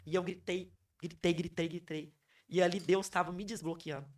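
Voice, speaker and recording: A woman's voice: on the low side, steady tone, normal speed, distant mic. A woman tells her own story as a podcast guest. She is emphatic and keeps repeating phrases to drive them home. She sits a little away from the microphone. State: hoarse. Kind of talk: emotional personal storytelling.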